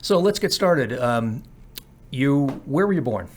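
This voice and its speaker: A man's voice: medium pitch, big pitch swings, unhurried, darkish tone, slight background noise. Man hosting an interview show. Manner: prompting, follows up with short questions. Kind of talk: podcast interview.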